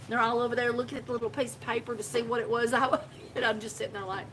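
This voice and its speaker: On a rough phone live video from her own shop, a woman talks at a racing clip in a slightly high, level, somewhat bright voice. Her story wanders as she chats and laughs a lot, with slight noise behind her.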